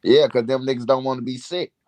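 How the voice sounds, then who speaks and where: A man hosts a casual livestream in an average-pitched voice. The sound is very dry, with no room around it. He talks in loose, slangy street speech, full of swearing, like someone swapping stories. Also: steady tone, fast, a little mellow, dry recording. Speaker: livestream host. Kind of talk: casual livestream chat and storytelling.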